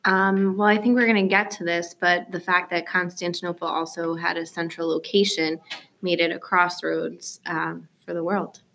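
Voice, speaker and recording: A woman's voice: on the low side, level tone, moderate pace, gravelly, a bit bright. A woman co-hosting as a teacher, adding conversational commentary to a class discussion. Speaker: teacher and co-host.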